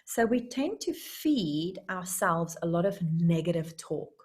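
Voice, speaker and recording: A woman with a South African accent teaching a hypnotherapy webinar, animated and acting out little voices to make her points. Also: lowish voice, a little slow.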